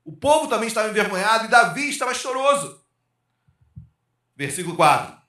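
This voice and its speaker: A man from Rio de preaching a sermon as pastor, calling to the congregation for amens and swinging between loud and hushed. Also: high voice, big pitch swings, a little fast. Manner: calls out to the congregation for amens, rises and drops sharply in loudness. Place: church hall. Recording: echoey church hall.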